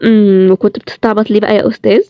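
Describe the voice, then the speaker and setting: A woman doing a teasing young heroine, Egyptian accent, quick talker, dark mellow tone, dry close sound. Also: level tone, dry recording, close to an everyday voice. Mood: playful. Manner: bantering, quick, higher-pitched. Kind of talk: storybook role-play series.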